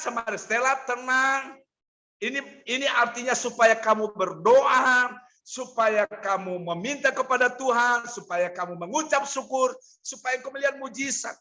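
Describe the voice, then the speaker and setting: Bright high-voiced preacher telling a story. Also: male voice. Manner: storytelling preacher, acts out quoted dialogue. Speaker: pastor. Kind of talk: sermon.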